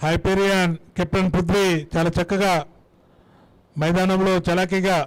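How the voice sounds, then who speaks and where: A man's voice: sits high, little pitch movement, moderate pace, clear, resonant tone, rough recording. A man giving live ball-by-ball cricket commentary.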